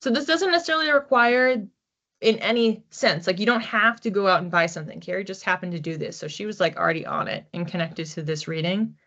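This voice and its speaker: A woman talks fast in a mid-range, slightly bright voice, though the recording is muffled. She's a psychic reader hosting a weekly collective card reading, thinking aloud casually and using informal phrasing as she speaks to her audience.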